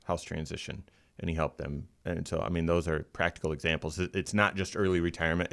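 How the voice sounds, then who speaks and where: A man's voice: rumbling low, gravelly, a bit bright, clear, resonant tone. A man hosting a casual financial talk show in a studio, chatty and upbeat, lifting his energy at segment ends. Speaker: host. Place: radio studio.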